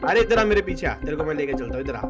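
Boastful high-voiced gamer man. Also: animated, very fast, over loud music. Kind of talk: casual Minecraft role-play banter.

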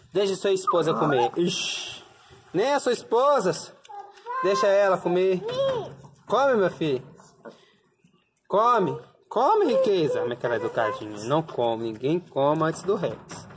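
Feeding the dogs at home, a Brazilian pet owner talks to the camera in affectionate baby talk with an animated, mid-range voice at normal speed. This casual pet vlog was recorded in an echoey, noisy room, with dogs barking and growling behind.

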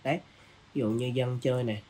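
A man's voice: medium pitch, steady tone, brisk, a little mellow, husky. Casual man talking through a tutorial. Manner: casual, walks through steps with many fillers. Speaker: design tutorial host. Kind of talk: screen-recorded software tutorial.

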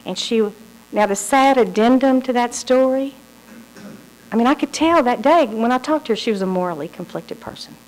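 A woman's voice: on the high side, normal speed, low-quality recording. A woman giving a lecture, telling stories and acting out the people in them. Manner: lively storyteller acting out quoted people. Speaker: speaker. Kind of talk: lecture with storytelling.

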